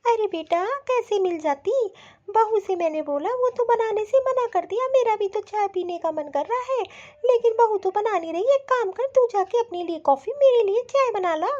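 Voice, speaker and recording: A woman's voice: very high-pitched, animated, moderate pace, a little mellow, muffled recording. Woman voicing a sly nagging Indian mother. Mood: grumbling. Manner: sarcastic, nagging. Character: scheming middle-aged mother-in-law, sly and motherly. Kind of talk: cartoon voice acting.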